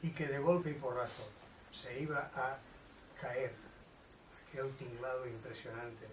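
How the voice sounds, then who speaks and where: A man moderating a neighborhood meeting, speaking in a measured and slightly hesitant way. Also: mid-range voice, steady tone. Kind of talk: public talk. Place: neighborhood association hall. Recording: roomy echo, distant mic, noise.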